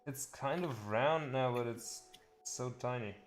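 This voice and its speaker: A man streaming live game development, chatting casually and thinking aloud in a hesitant, soft-spoken way. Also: medium pitch, a little slow, faint music behind. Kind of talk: casual chat while working.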